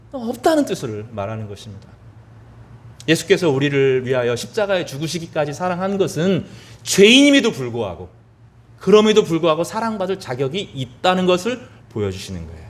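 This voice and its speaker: A male pastor giving a sermon, asking the congregation questions and answering them himself, repeating words for emphasis. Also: high-pitched.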